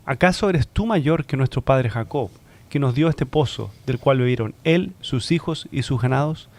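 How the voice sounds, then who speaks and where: A man reads a Bible passage aloud to a study group, steady and measured. His voice sits at an ordinary middle pitch. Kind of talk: reading scripture aloud.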